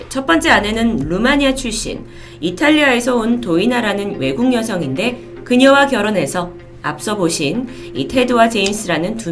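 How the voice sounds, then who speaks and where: A woman hosting a storytelling video, explaining events in polite presenter phrasing. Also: a little high. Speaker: host of a storytelling video channel. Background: faint music.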